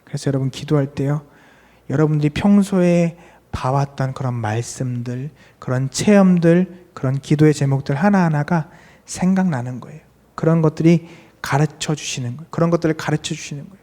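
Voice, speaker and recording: A man preaching a sermon to a young adults' service, asking the congregation questions and reading scripture aloud, swinging between fervent raised prayer and soft low speech. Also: fairly quick. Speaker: pastor.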